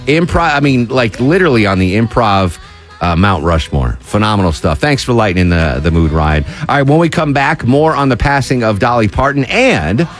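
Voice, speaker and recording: A man's voice: mid-range voice, animated, moderate pace, faint music behind. A man hosting a radio talk show, interviewing a guest in a playful, promotional way.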